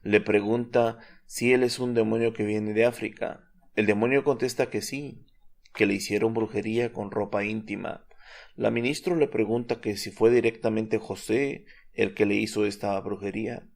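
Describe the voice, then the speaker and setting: A man narrates in a measured, solemn tone, reporting events step by step. His voice sits fairly low, delivered as steady scripted narration. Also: vocal fry.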